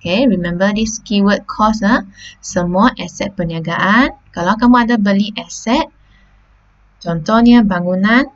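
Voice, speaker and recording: A woman's voice: mid-range voice, measured pace, lo-fi sound. A Malaysian woman teacher taking students through a lesson step by step, often checking in with "okey" and "ha?". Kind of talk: classroom lesson on slides.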